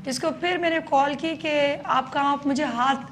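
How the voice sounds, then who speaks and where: A woman police station chief giving a news interview, explaining in detail with frequent hesitant pauses. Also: sits high, steady tone, fairly bright tone, slight background noise.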